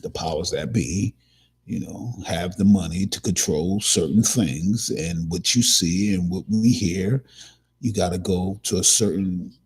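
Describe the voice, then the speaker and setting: A man's voice: low voice, unhurried, a little mellow, breathy edge. A man hosting a casual commentary talk, rambling with many restarts and fillers. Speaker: podcast host.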